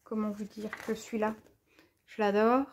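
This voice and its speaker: A woman's voice: mid-range voice, level tone, normal speed, a little mellow, slight background noise. A French woman showing off craft paper and stickers in a casual, enthusiastic haul video, gushing over each item. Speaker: crafting vlogger.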